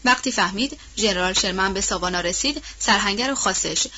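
A burly, loyal farmhand, read by a woman speaks in a heavy, husky voice with rustic, homespun phrasing. The tone stays bright and forceful. The audiobook recording sounds dull and lo-fi. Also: medium pitch, a little hiss or hum, lightly acted. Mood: warm. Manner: colloquial rustic speech. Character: burly loyal male former farmhand, warm and overjoyed. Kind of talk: audiobook character reading.

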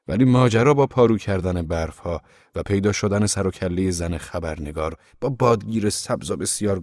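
A male audiobook narrator reads a novel in a calm, measured way. His voice is very low and deep. The sound is dry and close, with no room around it. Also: no room sound.

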